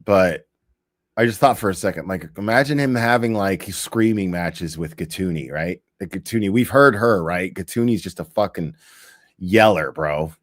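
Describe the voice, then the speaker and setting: A low-pitched man at a moderate pace hosts a live show, casually commenting on a court hearing. He laughs often, swears freely and mimics people.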